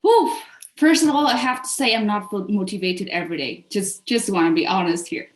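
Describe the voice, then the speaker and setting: A woman from Vietnam who works for a culinary association hosts a webcast, talking candidly and earnestly in casual interview style. Her mid-range voice is brisk, and the room sounds echoey.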